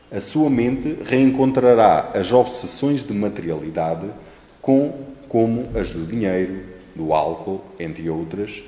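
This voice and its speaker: A man with a European Portuguese accent giving a spiritist lecture in a measured, solemn manner with frequent restarts. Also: fairly low pitch, dark tone. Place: lecture hall. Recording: echoey hall with long reverb.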